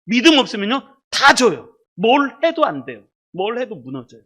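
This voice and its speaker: A pastor delivers a sermon with a lively, swooping voice. The delivery is dramatic, swinging from loud emphasis to near-whispered asides. The speaker repeats single words for weight and puts rhetorical questions straight to the congregation. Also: mid-range voice, normal speed, breathy edge. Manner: addresses the congregation directly and asks rhetorical questions.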